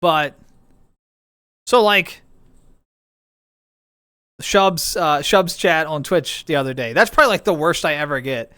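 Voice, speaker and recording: A man's voice: fairly high pitch, expressive, measured pace, pauses often, bright, forceful tone, smooth, no echo, studio quality. A young man streaming, chatting casually with his viewers in a rambling way full of restarts and fillers.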